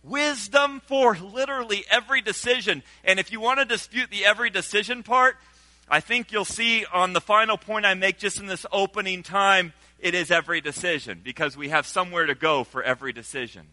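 A man preaching to his congregation with a high, lively delivery and a very bright, sharp tone. He grew up in Senegal and draws the listeners in with call-and-response. The sound is dry and close. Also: brisk, no echo. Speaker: pastor. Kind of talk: sermon.

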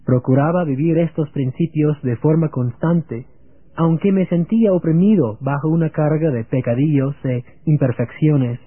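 Young man, guest, earnest testimony, slightly high, husky, phone-like radio sound. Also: normal speed, dry recording. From Virginia, United States. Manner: earnest, steady, read-aloud. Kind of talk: read religious testimony.

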